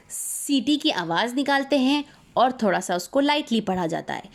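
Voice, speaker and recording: A woman teaches Quran recitation in an explanatory online lesson, patiently demonstrating each letter sound slowly and repeating it. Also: high voice.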